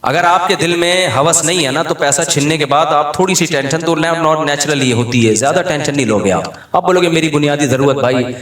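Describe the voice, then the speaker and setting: A man delivers an informal Islamic sermon in a fairly high voice. He jokes his way through an anecdote with acted-out lines, then turns slow and deliberate for his moral. The sound is very echoey, as though the room has bare walls. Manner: humorous storytelling with lively acted dialogue; slows down for serious points. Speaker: Islamic scholar.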